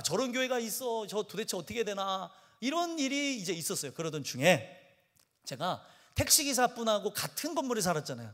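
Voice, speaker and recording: Male pastor with a high voice, preaching a funny story, with a long hall echo. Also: a bit bright. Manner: humorous storytelling, acting out quoted voices. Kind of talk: sermon. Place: church sanctuary.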